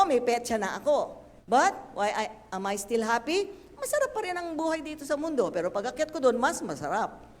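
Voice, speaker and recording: A woman pastor preaching a lively, playful sermon, slipping English phrases into her talk. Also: high voice. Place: church hall. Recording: echoey church hall.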